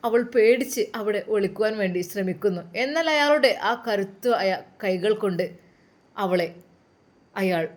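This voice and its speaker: A woman's voice: medium pitch, lively intonation, normal speed. A woman storyteller narrating a dramatic tale with emphatic, suspenseful delivery.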